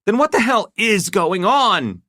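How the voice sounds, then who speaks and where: A man voices a shrill, distraught middle-aged wife who feels betrayed, accusing her husband in a shaking voice that climbs into shrieks. He pitches his voice high, above his natural range, sounding animated, bright and forceful at a moderate pace. The clean studio recording is dry.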